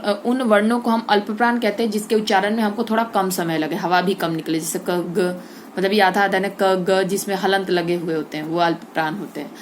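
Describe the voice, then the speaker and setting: A woman's voice: mid-range voice, slight background noise. A woman teaching a Hindi grammar lesson to schoolchildren, explaining step by step and asking and answering her own questions.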